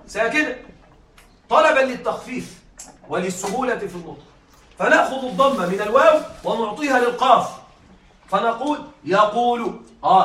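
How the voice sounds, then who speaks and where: A man's voice: very high voice, pushed and bright. A male teacher giving a classroom lecture, explaining step by step and often checking that his students follow. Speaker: teacher of Arabic rhetoric. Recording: echoey room, voice from far off.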